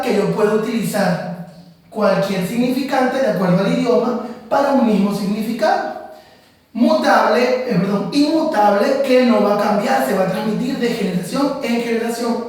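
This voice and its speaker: Male teacher for a class lesson, slow and deliberate explainer, very echoey room, off-mic. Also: extremely high pitch, far from the mic.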